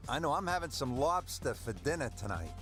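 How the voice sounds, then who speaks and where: A man's voice: a little high, sing-song, a little fast, music in the background. A man giving golf commentary as the lead announcer.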